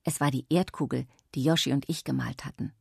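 Calm storyteller for a children's book, first person; low, gravelly woman's voice. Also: fairly quick, no echo, studio quality. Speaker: audiobook narrator. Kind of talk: children's audiobook narration.

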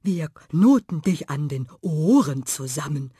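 A dreamy hare murmurs slowly in a lower, whispery voice, as a woman reading a children's radio story puts him on. He sounds soft-spoken and a little wistful, and the whisper makes him breathy. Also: expressive, no room sound, clean studio sound, full character voice.

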